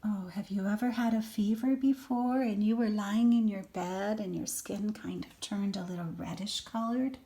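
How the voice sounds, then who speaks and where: At a moderate pace and with few pauses, a grandmother with a medium-pitched voice reads a storybook expressively to children. She keeps it child-directed, with dramatic emphasis, gasps, and hushed, chatty asides.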